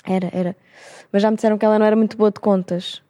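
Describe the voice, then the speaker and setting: A woman's voice: mid-range voice, racing. A young adult woman with a European Portuguese accent, co-hosting a casual podcast chat and telling stories with acted-out dialogue. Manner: animated storyteller, acts out dialogue. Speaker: podcast co-host.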